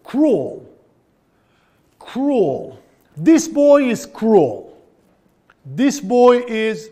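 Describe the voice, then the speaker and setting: A man teaching English vocabulary online, drilling words slowly and adding quick asides. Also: high voice, a little mellow. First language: Persian.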